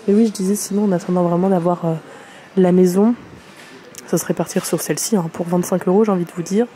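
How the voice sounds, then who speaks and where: This young lifestyle vlogger talks fast in a mellow, fairly low voice with a steady tone. She chats casually to camera and thinks aloud for her audience, filming in her home living room, in a car and in a furniture store.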